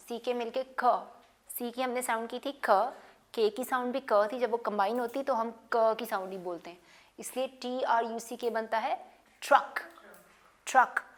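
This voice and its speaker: A woman's voice: fairly high pitch, fairly bright tone. A woman teaching a phonics lesson, mixing English words into Hindi and repeating each sound several times. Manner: drills sounds by repeating them. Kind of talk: slow classroom lesson.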